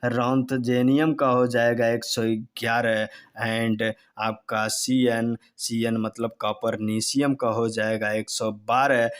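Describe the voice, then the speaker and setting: A man teaching a chemistry lesson, repeating memory tricks slowly in a sing-song way and jumping up in pitch on key words. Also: level tone, clean tone. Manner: slow, repetitive, sing-song drilling of mnemonics.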